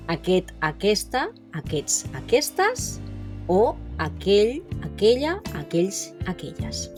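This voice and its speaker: A woman teacher explaining grammar in an online lesson, clear and patient, saying example sentences slowly and carefully. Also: medium pitch, big pitch swings, soft background music. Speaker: Catalan language teacher.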